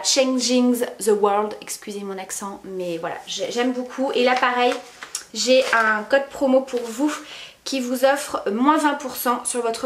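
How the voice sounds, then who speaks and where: Chatty woman reviewing beauty products, roomy. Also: on the high side. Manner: chatty, many fillers and restarts. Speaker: beauty vlogger.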